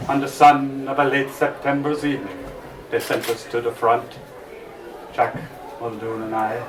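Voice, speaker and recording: An Irish man performing as a storyteller at a live open mic, reciting in a dramatic, measured way. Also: a little high, a bit bright. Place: bar open-mic night, distant microphone. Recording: roomy, noisy bar recording from far off.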